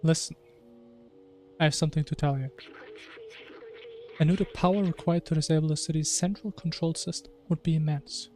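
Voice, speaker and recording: A man voicing a small, loyal robot drone companion, reading its lines out plainly in a fairly high voice. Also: fairly even intonation, moderate pace, long pauses, warm tone, faint music behind, close to an everyday voice. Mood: solemn.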